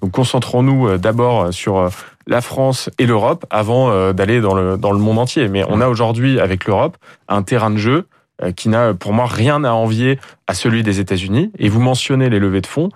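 Male CEO guest, low voice, dry studio, hesitant and filler-heavy. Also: fairly quick, a little mellow, dry recording. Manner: hesitant, many "euh" fillers and repeated words. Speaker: company founder and CEO. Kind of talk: business interview answers.

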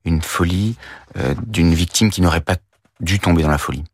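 A male music commentator talking through a topic thoughtfully and hesitantly, with many pauses and fillers. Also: low voice, no echo, clean studio sound. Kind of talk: studio discussion.

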